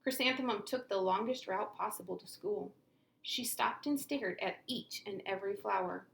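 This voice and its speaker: A female teacher reading a picture book aloud in an expressive storytelling manner. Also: mid-range voice, normal speed, creaky, reverberant, a little hiss or hum, poor audio. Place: classroom.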